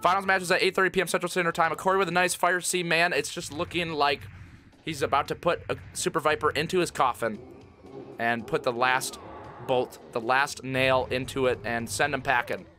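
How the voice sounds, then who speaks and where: A man's voice: a little high, steady tone, fairly quick, sharp tone, faint music behind. A young man doing casual, jokey play-by-play commentary on a video game race. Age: young adult.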